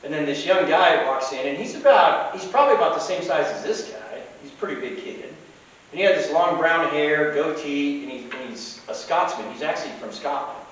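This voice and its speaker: A man's voice: a little high, lively intonation, moderate pace. Rambling man in an echoey room. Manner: rambling, full of restarts and "like". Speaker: tavern keeper telling stories. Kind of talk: casual spoken anecdote. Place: inside the tavern. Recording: very echoey, distant, faint hiss.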